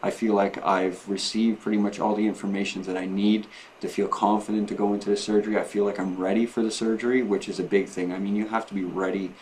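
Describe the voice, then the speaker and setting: A man talking casually to camera in a personal vlog, rambling and halting, often trailing off mid-thought. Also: fairly low pitch, little pitch movement, darkish tone, slight background noise, low-quality recording. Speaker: vlogger and patient.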